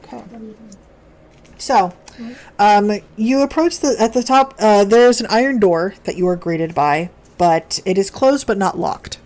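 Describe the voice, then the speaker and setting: A woman's voice: mid-range voice, measured pace, a little mellow. A woman running a tabletop game as game master, narrating in a rambling way with fillers and self-corrections.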